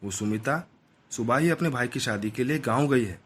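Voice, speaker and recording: A man's voice: medium pitch, normal speed, breathy edge, natural voice. A man voicing a worried protective mother. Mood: warning. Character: protective worried mother, middle-aged woman. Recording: voice over loud background music.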